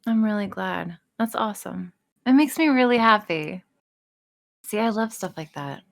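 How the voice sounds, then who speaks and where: Her medium-pitched voice is expressive, with vocal fry and a moderate pace. As an interviewed voice actress and audio creator, she chats openly and casually, putting herself down with frankness and cursing without restraint.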